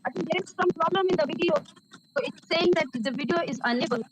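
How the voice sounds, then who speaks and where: A woman's voice: very high-pitched, fast. A woman joining remotely by video call, her audio glitching and breaking up over a bad connection as she keeps asking whether she can be seen. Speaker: remote guest. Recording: loud noise on a glitchy video-call line.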